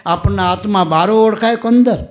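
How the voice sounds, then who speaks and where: A man's voice: high voice, a little fast. Man giving a folksy devotional discourse. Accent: Gujarati. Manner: folksy, storytelling, addresses listeners as "my dear". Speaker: spiritual teacher.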